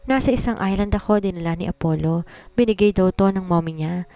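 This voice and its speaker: A woman's voice: on the low side, a little fast, warm tone, no echo, close to an everyday voice. A woman voicing a frightened young woman held captive, pleading in a raised voice. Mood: desperate.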